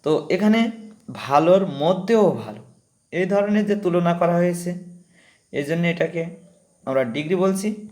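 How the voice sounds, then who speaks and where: A man's voice: sits high, animated, a little slow, long pauses, darkish tone. A man teaching an English grammar lesson, explaining step by step and repeating the key terms.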